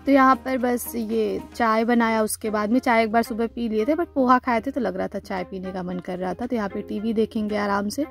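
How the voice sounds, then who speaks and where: A woman's voice: on the high side, steady tone, moderate pace, creaky, few pauses, soft background music. A woman from India talking casually over her home vlog, explaining each step in a chatty way. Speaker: vlogger.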